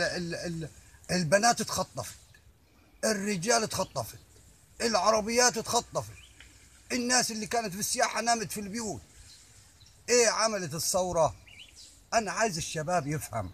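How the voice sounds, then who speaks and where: A man's voice: high voice, fairly bright tone, slight background noise. An older man with an Egyptian Arabic accent speaks off the cuff in an emphatic, repetitive way, stumbling over words as he addresses the public. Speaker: army veteran giving his opinion. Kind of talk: impromptu monologue addressed to the public.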